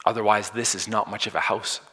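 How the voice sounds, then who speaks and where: Male pastor, bright forceful tone, dynamic sermon delivery that swells loud then drops soft, long hall reverb. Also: lowish voice, steady tone, brisk, slightly rough. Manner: dynamic, swinging from loud emphasis to soft hushed lines.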